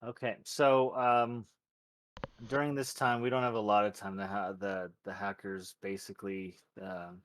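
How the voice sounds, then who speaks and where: A man improvising narration as a tabletop game master, halting and thinking aloud as he goes. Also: fairly low pitch, level tone, fairly bright tone, dry recording, rough recording.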